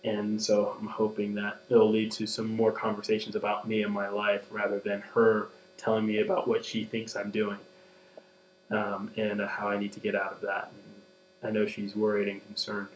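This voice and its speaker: Earnest, hesitant young man, low flat voice. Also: moderate pace. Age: 20s. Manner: earnest, hesitant, many ums and restarts. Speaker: vlogger. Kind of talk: personal confessional vlog. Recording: echoey room with mains hum.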